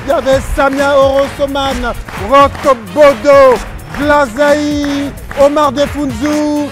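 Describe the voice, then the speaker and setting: A man's voice: extremely high pitch, flat delivery, slow, crowd noise. A man hosting a comedy show, announcing acts and hyping the audience. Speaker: show host. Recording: live stage with music and audience.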